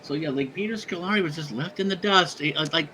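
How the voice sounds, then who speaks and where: A man's voice: on the high side, quick pace, over a noisy crowd, low-quality recording. A man hosting a radio show, chatting casually and introducing songs, rambling with lots of fillers and swearing, and he has the hiccups.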